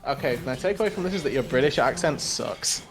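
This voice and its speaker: A man's voice: mid-range voice, expressive, quick pace, music in the background. A man giving color commentary on an esports match, explaining tactics with a dry, teasing humor. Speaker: esports caster.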